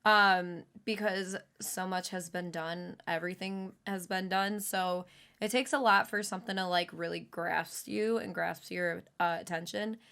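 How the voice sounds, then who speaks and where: A woman giving casual, easily spooked reaction commentary as a horror game streamer, with a creaky voice. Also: lowish voice, fairly even intonation, unhurried, a bit bright.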